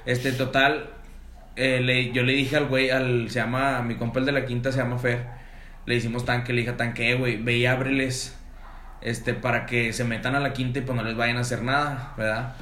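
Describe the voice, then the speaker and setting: A podcast host with a mid-range male voice tells friends a funny party story at a normal pace, animatedly acting out the voices of the people involved and leaning on heavy slang. The recording sounds roomy, with a little hiss or hum.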